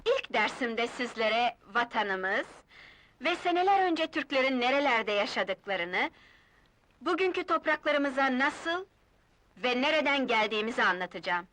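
A woman's voice: high-pitched, expressive, unhurried, fairly bright tone. A woman playing an idealistic, kind young village schoolteacher in old film melodrama, speaking earnestly with careful, declamatory diction. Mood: earnest, resolute.

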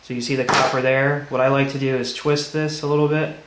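Here a tutorial presenter with a level, medium-pitched voice talks a little fast, plainly guiding viewers step by step through a hands-on task. He's indoors at a tiled tabletop; the recording is echoey with background noise.

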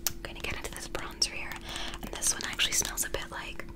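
Casting: woman in her twenties for whispered role-play as an ASMR makeup artist; fully whispered, breathy, fast and insistent, looping her phrases. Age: 20s. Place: small indoor room.

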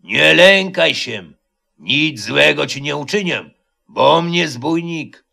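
A man voicing an ancient knight warrior who speaks slowly and solemnly, as in a spoken legend. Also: a little high, expressive, vocal fry, pushed and bright, heavily acted.

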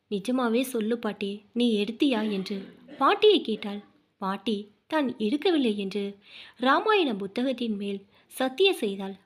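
A woman narrating a family drama story in a dramatic, expressive reading. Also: fairly high pitch.

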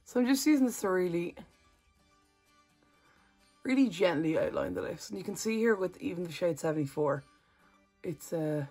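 Woman vlogger, low husky voice, chatty and rambling, faint music under her. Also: lively intonation, normal speed, pauses often, warm tone. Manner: chatty, rambling, self-correcting. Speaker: makeup vlogger. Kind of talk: casual makeup tutorial.

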